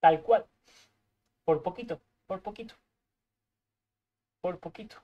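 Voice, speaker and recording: Spanish guy streaming, high voice, swears a lot, mutters at the game, kinda muffled stream audio. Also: takes it slowly. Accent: Spain Spanish. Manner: swearing, excitable, mutters to himself while playing. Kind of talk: live gameplay commentary.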